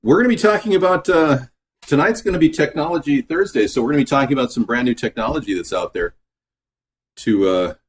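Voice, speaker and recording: A man hosting a casual home cooking video in his kitchen, chatting in a relaxed, rambling way that drifts off topic. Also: mid-range voice, fast. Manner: relaxed, filler-heavy talk. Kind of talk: casual cooking vlog chat.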